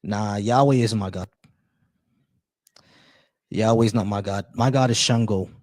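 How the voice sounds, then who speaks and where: Speaking at a measured pace in a lowish voice, this man hosts a casual live stream. He's relaxed and talkative, greets viewers with shout-outs, and frequently starts his sentences over.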